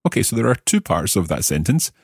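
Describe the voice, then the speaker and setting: A man hosting a podcast language lesson, explaining phrases in a clear, deliberate teaching voice and slowing down for examples. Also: lowish voice, big pitch swings, no echo, studio quality.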